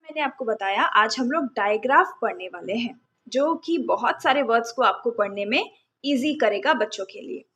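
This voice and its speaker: A woman teaching phonics, breaking words into separate sounds and then blending them, in a calm lesson. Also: sits high. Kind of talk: slow, sound-by-sound phonics lesson in Hindi-English mix.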